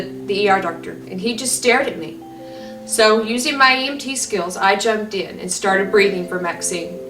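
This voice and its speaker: A woman from Tanzania who volunteered as an EMT tells her story in an earnest, measured way to ask for support. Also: mid-range voice. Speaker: volunteer EMT making a fundraising appeal. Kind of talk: personal storytelling appeal. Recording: roomy, distant mic, music behind. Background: music.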